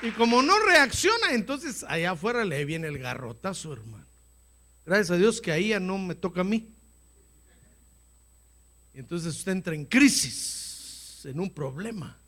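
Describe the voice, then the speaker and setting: A male pastor preaching a sermon in church, talking straight to his listeners and slipping in humorous asides. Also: high-pitched. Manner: animated preaching with direct address to listeners.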